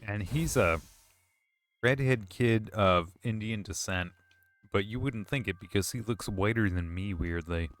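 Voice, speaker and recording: A man's voice: on the low side, unhurried, soft background music. A man streaming a game, chatting casually with viewers in a rambling, self-correcting way. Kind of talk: casual chat while gaming.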